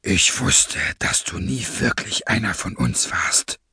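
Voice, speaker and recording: A man voicing a cold masked male villain leader, speaking low and hushed, often close to a whisper, in an audiobook. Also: very animated, takes it slowly, gravelly, breathy edge, no room sound, heavily acted. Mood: coldly menacing. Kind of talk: audiobook character voice.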